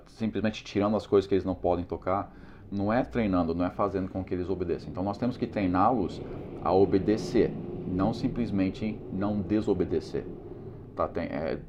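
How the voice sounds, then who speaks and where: Very deep-voiced man, earnest and preachy. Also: darkish tone, slight background noise. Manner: earnest, moralizing, with many hesitant "ah" fillers. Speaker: parenting teacher. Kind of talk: preachy instructional talk. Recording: slightly dull lo-fi sound.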